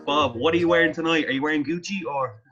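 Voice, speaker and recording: Bright-voiced joking Irish man. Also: on the high side, quick pace. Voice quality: teasing, laughs often. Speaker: host. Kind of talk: casual joking chat. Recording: slightly dull audio with faint music behind.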